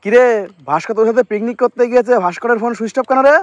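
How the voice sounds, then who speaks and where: Man acting a rapid-fire stern father on phone. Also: very high voice, no room sound, lo-fi sound. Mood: stern, suspicious. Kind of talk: comedy sketch dialogue.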